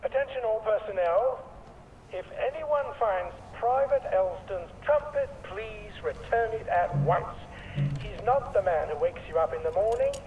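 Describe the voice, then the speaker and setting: A stern, officious army announcer from a video game, pitched high and formal. The voice comes over a loudspeaker PA, distant, with clear noise around it. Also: male voice, animated, measured pace, phone-quality sound. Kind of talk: military public-address announcement.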